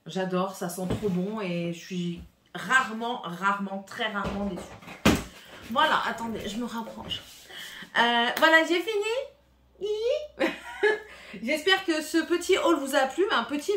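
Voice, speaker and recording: A woman's voice: on the high side, fairly bright tone. A French-accented woman vlogging at home, chatting casually through a shopping haul, rambling with many fillers and restarts. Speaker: beauty vlogger. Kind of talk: casual haul chat to camera. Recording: echoey room, faint noise.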